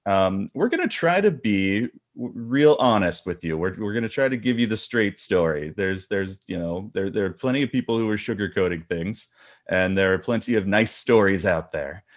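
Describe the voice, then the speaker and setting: A man with a somewhat low voice hosts a podcast in an earnest, casual way. He often stops and restarts his sentences as he works out what to say. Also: expressive. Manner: earnest, halting with repeated restarts. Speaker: podcast host.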